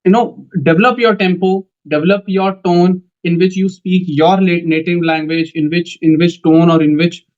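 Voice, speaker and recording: A young man with an Indian English accent giving a coaching lecture, speaking in a calm, measured way and often repeating "okay" between points. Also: high voice. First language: Hindi. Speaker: teacher for defence exam interviews. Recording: dull lo-fi sound.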